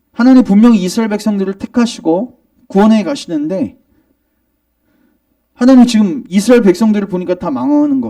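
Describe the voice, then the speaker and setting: Male pastor, sermon delivery, high and lively voice with a dark, mellow tone, heard from across a church sanctuary, asks and answers his own questions. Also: far from the mic. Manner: questions the congregation and answers himself; emphatic, rising in argument.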